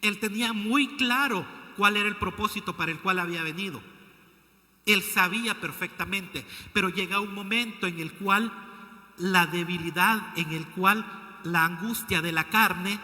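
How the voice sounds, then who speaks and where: A male pastor, preaching a sermon in a church that builds to loud exhortation. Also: sits high, normal speed. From El Salvador. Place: church sanctuary. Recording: long church reverb, music behind.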